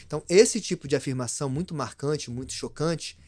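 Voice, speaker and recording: Fast-talking Brazilian man, dry close sound. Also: a little high, no echo. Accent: Brazilian Portuguese. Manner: animated, varies pace and loudness for effect. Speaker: guest, speaker and speaking mentor. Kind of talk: podcast interview, explaining.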